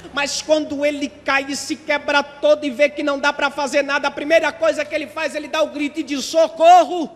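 A man preaching a passionate, repetitive sermon that often rises to shouting. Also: very high voice, big-room sound.

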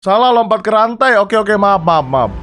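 A young man, chatting excitedly as he streams a game and talks to his viewers. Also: high voice, normal speed, a little hiss or hum. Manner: excitable, chatty, addresses chat as guys. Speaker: gaming streamer. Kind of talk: live game commentary.

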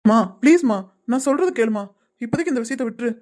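A woman voicing a young adult son who earnestly pleads with his mother in an animated web series. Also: a little high, fast, natural voice. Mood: pleading.

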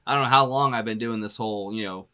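A man with a bright, forceful voice gives a casual music reaction. He rambles loosely, stacking up "you know" and "like" as he thinks aloud, and laughs often between thoughts. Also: lowish voice, fast, clear, resonant tone. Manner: laughs often while talking.

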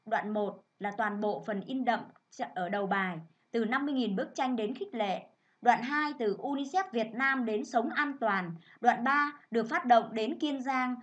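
A primary school teacher leads a reading lesson for children, reading in a clear, measured, instructive way. Her voice sits a little high and has a fairly bright tone.

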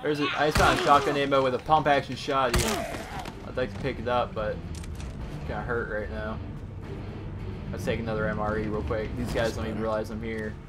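A man giving casual let's play commentary over a zombie game, excitable and chatting to the enemies on screen. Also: mid-range voice, a little fast, over loud music. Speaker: gaming YouTuber. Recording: game sound loud behind the voice.

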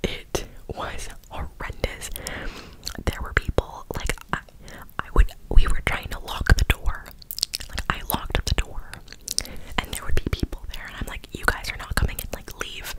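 Woman's breathy cupped-hand whisper. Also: normal speed, poor audio. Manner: casual rambling with frequent "like". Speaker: ASMR video creator. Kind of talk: ASMR storytelling ramble in cupped-hand whispers. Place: small bedroom, indoors. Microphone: close desktop condenser microphone.

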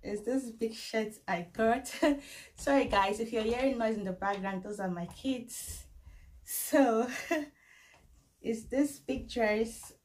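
A woman's voice: on the high side, a little mellow, rough recording. A woman in her thirties hosting a casual try-on haul vlog at home, talking unhurriedly with many fillers. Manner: unhurried, halting, with frequent fillers. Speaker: vlogger. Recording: faint background noise.

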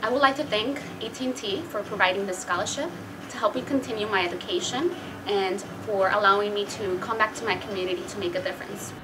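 A woman's voice: medium pitch, fast talker, far from the mic, noisy background. A twenty-year-old woman giving an earnest, reflective testimonial to the camera as a scholarship student.

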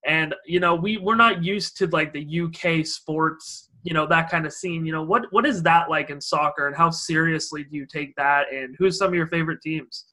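Young male host from Idaho, higher voice, bright and forward tone, chatty. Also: normal speed, hardly any pauses. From Idaho, USA. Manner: loose, filler-heavy questions. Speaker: podcast host. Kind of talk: casual interview chat.

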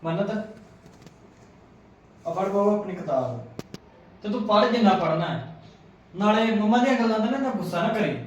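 An actor playing a kind grown son who calmly defends a maid's daughter and reassures her. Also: sits high, highs cut off, a little hiss or hum, natural voice. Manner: calm, soothing, gently pleading. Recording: echoey room, voice from a distance.

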